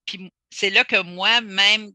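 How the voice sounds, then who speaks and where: A woman speaking as a panelist in a discussion, measured and thoughtful, pausing to search for her words over a video call. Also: medium pitch, steady tone, pushed and bright, no echo.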